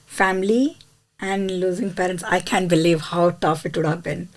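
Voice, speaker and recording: A woman's voice: on the low side, fairly even intonation, moderate pace. Effusive woman hosting a podcast. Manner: effusive, encouraging. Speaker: podcast host.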